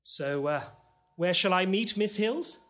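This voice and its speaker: A man's voice: high-pitched, lively intonation, slow pace, fairly bright tone, exaggerated voice. A man voicing a vain, pompous doctor sidekick in a comedy audio drama, boastful about himself.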